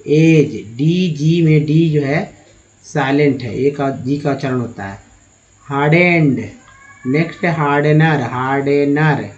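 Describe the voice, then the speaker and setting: A man leads an English reading lesson, sounding out one word after another at a very slow, drawn-out pace. His voice sits a little high. The recording is dull and lo-fi.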